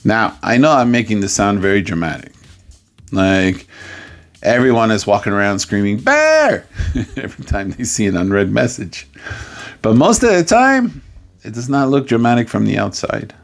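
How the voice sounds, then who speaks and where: A man as a life coach, giving a playful, jokey coaching talk with sudden loud outbursts. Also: lowish voice, expressive, normal speed, vocal fry, soft background music.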